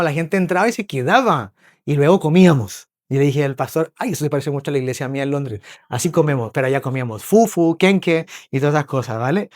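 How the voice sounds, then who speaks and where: A man from Spain preaching a sermon, telling lively stories, acting out voices and often checking in with his listeners. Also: fairly high pitch, dry recording, clean studio sound. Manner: animated storyteller, acts out voices, checks in with listeners. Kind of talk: sermon with storytelling. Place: church hall.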